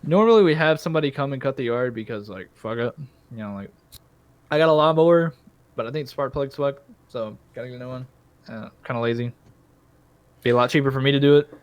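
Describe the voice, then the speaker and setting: A man's voice: mid-range voice, fast talker, clean tone, no room sound. Rambling young man hosting a casual podcast. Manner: rambling, profane, self-mocking. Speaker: podcast host. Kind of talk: casual chat.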